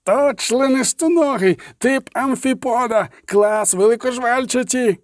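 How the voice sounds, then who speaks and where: An excitable, fussy male scholar, as a man puts him on for a storybook reading. He squeals high and slow, stretching every word in rapture, and the voice sits dry and close. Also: no room sound. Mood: pedantic. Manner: shrill, enraptured, drawn-out exclamations.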